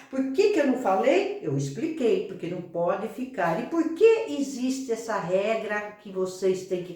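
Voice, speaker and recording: A Brazilian woman teaching a grammar lesson, explaining slowly, repeating herself and often checking that the class follows. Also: medium pitch, dark tone. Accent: Brazilian Portuguese. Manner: explains slowly with frequent check-ins and repetition. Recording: echoey room, voice far from mic.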